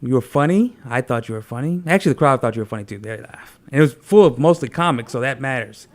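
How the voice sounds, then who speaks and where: A man from Tennessee hosting a casual talk show, chatting in a rambling, animated way with many restarts. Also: mid-range voice, quick pace. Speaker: podcast host. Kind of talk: casual chat.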